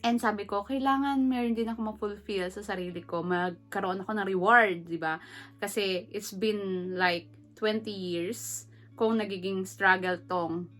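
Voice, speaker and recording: A woman's voice: medium pitch, a little slow, a bit bright. A middle-aged woman from the Philippines, vlogging in a chatty, emotional way that mixes English into her Tagalog, laughing often. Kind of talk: casual personal vlog.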